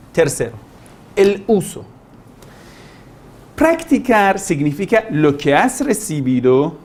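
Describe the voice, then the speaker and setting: A man with a fairly high voice lectures on learning, speaking non-native Spanish with frequent grammar slips. He explains patiently, posing rhetorical questions and homespun examples and dropping humorous asides along the way. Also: a little mellow. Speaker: religious teacher giving a language-learning lecture.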